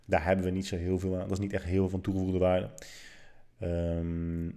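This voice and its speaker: A man in his thirties with a slightly low voice hosts a live stream from home. He rambles through stories in an animated, self-mocking way. He swears freely along the way. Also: normal speed. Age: 30s. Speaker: livestream host. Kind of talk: casual storytelling monologue.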